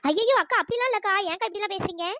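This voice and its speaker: A woman's voice: extremely high pitch, fairly bright tone, dry recording. Cartoon role: loyal young village friend, dry close voice, pleading and coaxing, a woman voicing her. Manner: pleading, fast coaxing chatter. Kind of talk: cartoon voice acting.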